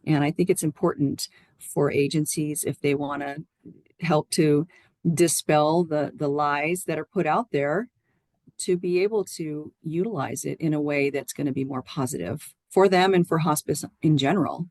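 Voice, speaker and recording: A woman's voice: sits low, moderate pace, a little mellow, dry recording. A woman giving earnest, explanatory answers as a guest in a conversational interview. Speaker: podcast guest, hospice nurse and educator.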